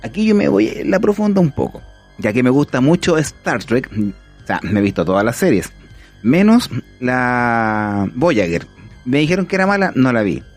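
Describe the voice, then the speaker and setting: A man's voice: medium pitch, very animated, normal speed, faint music behind. Chatty Chilean man podcasting. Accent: Chilean Spanish. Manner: enthusiastic, rambling storyteller. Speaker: podcast host. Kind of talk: casual podcast chat.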